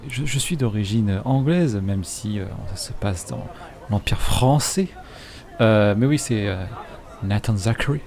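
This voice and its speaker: A man playing an English airship investor in a tabletop game, hesitant and halting. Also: lowish voice, lively intonation, darkish tone. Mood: earnest. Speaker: player. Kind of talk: tabletop role-play in character.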